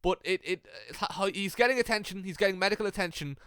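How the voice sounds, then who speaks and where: A man doing mock wrestling commentary, hyped and stammering, with deadpan jokes. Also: sits high, fast, clean tone, no room sound.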